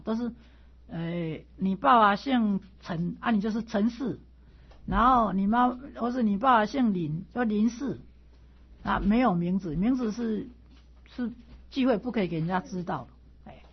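A woman gives an informal lecture on classical texts, talking it through in a loose, conversational way. Her voice has a husky edge at a middle pitch. The recording sounds dull and lo-fi. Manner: conversational, repeats and restarts phrases, rising emphatic questions. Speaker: teacher of the Analects.

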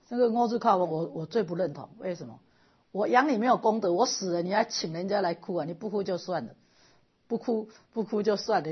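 A middle-aged woman giving a lively, animated storytelling lecture as a Buddhist lay teacher. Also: mid-range voice, husky, lo-fi sound.

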